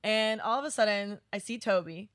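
A woman's voice: mid-range voice, normal speed. An American woman from Missouri hosting a podcast, chatty and effusive in a casual conversational style. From Missouri, United States. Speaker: podcast host. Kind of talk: casual chat, upbeat podcast introduction.

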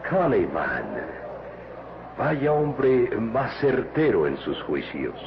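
A man's voice: mid-range voice, sing-song, drawn-out words, heavily acted. An actor playing a polite, mild professor and father in an old radio drama, hesitant and explanatory. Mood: kindly, thoughtful. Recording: noisy dull lo-fi radio recording.

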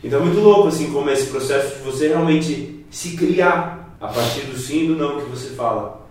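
A man's voice: mid-range voice, brisk, darkish tone. A man with a Brazilian accent thinking aloud earnestly in long, chained sentences. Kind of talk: casual reflective conversation. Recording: roomy, echoey, distant mic.

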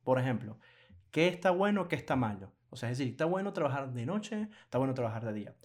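A man co-hosting a casual podcast chat, animated and laughing often, acting out quoted clients in lively bursts. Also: medium pitch, fast. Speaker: podcast co-host.

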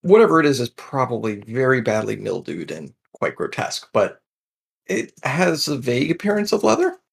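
A man narrating as game master in a tabletop game, relaxed and hesitant, with many fillers. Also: mid-range voice, moderate pace, gravelly, slightly rough.

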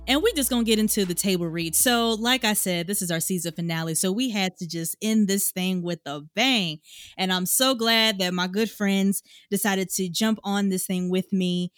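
A woman's voice: mid-range voice, normal speed, dry recording, studio quality. A woman hosting a podcast, chatting casually and upbeat, often addressing listeners as y'all. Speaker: podcast host.

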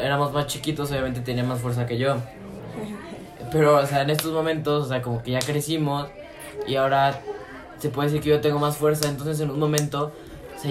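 A man in casual chat, talking quickly and repeating words. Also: a little high.

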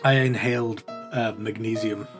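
A man's voice: fairly low pitch, measured pace, music in the background. A man with a West of Ireland accent chatting casually as a podcast guest, telling stories in a rambling, stop-start way. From Galway, Ireland. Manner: rambling, animated storyteller with stop-start phrasing. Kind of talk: casual comedic chat.

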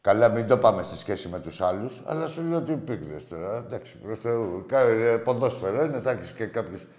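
A man hosting a call-in show, talking bluntly with plenty of swearing, jumping between loud outbursts and low muttering. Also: animated. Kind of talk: casual call-in banter.

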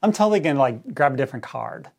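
A man's voice: mid-range voice, very animated, quick pace, gravelly, darkish tone, husky, heavily acted. A man putting on a valley girl manner, as a slangy, easily disgusted 1980s teen in an improvised comic chat. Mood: exasperated. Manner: valley girl talk full of "like" and "totally".

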